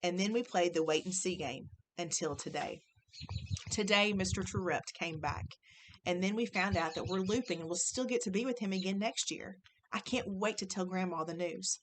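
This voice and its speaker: A woman teacher reading a children's novel aloud to her class, gentle and expressive. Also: on the low side, moderate pace, slight background noise, rough recording.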